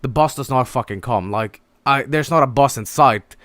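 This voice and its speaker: A young man telling a story live to his stream viewers, exasperated and quick to swear. His voice sounds smooth and full, sitting mid-range for a man. The sound is dry and close, with no room around it. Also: mid-range voice, fairly bright tone, dry recording. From Sweden. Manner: swearing, exasperated, acts out his own panicked lines.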